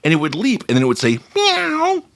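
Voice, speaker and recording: Guy from boston hosting a podcast, lively voice that jumps around, jokey, swears a lot. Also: fairly high pitch, very fast. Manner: joking, storytelling, swears freely. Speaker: podcast host. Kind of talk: casual comedic chat.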